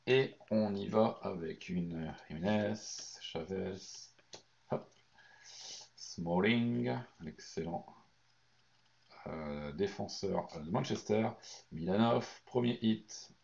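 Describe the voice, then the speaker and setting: A hoarse man chatting excitedly through a card pack opening, hesitating often between remarks. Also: sits low, takes it slowly. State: hoarse, lost voice from shouting. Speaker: card collecting YouTuber. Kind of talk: unboxing commentary. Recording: dull lo-fi recording.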